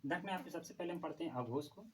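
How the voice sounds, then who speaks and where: In a low-quality recording carrying a little hiss or hum, a fairly high-pitched man runs an exam-prep Hindi grammar lesson. He asks questions, supplies the answers himself, and goes over key terms slowly.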